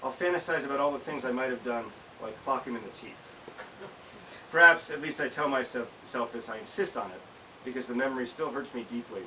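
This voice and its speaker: This American author in his thirties reads his personal essay live in a small bookshop, fairly quickly, in a mid-range voice with a sharp tone. The camera sits several feet away, so the mic sounds distant and picks up hiss.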